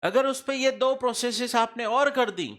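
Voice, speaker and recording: Bright, high-voiced male tax teacher. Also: normal speed. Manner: repeats key figures, quizzes the class with questions. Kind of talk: classroom lecture.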